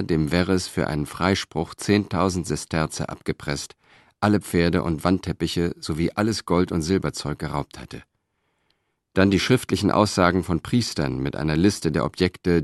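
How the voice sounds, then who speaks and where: Deep-voiced male audiobook narrator. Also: dry recording, clean studio sound. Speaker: audiobook reader. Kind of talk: first-person audiobook narration.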